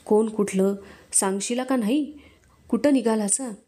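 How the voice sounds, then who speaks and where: A woman voicing a rough, suspicious male fort guard who speaks in blunt rustic village dialect. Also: a little high, measured pace, mellow.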